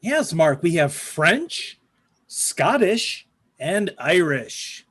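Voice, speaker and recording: A man's voice: a little high, big pitch swings, very slow, a bit bright, breathy edge. A man playfully reading audience suggestions aloud for an improv show.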